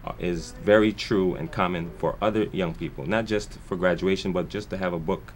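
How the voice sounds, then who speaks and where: A man's voice: low-pitched, a little fast, a little hiss or hum. A man born in Guyana, a foundation founder speaking as a guest in a television interview, talking earnestly in long winding sentences with many restarts.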